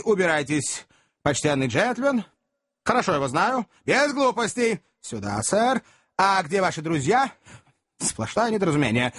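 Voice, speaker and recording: A brash young gentleman who fires off clipped, broken phrases, as a man reading an audiobook puts him on. His voice sits high, lively and a little husky. He never stops talking, barking short orders and remarks. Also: exaggerated voice. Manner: rapid clipped phrases, exclamatory. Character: brash young male stranger, rapid clipped chatterer.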